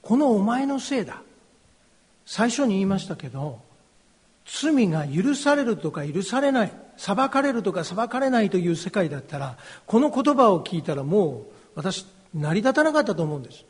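Husky high-voiced pastor in a reverberant hall. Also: male voice, sing-song. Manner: slow, earnest, confessional delivery. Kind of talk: personal testimony sermon.

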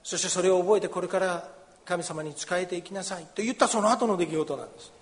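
High-voiced man preaching in a reverberant hall. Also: quick pace. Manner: explains gently in a conversational way. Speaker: pastor. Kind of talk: sermon with Bible reading. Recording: long reverb of a large hall.

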